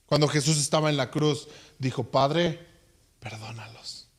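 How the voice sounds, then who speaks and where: A man preaching a sermon, telling a parable with animated delivery and sudden loud peaks. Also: a little high, normal speed.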